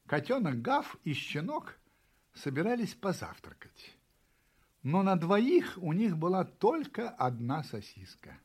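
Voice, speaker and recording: Expressive man reading a children's story. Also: sits high, unhurried, breathy edge. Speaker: narrator.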